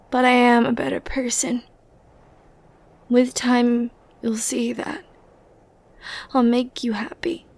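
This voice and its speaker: This is a woman's intimate ASMR roleplay as an ancient villainess, exiled, flirtatious and dangerous. She is breathy, often almost whispering, with tender, brooding, dramatic pauses, and her pitch is on the high side with no echo. She comes across as devoted and soft.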